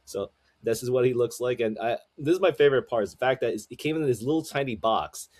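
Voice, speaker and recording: A man co-hosting a casual podcast chat. He rambles in a halting way, with many restarts and stammers. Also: mid-range voice, expressive, darkish tone. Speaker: podcast co-host.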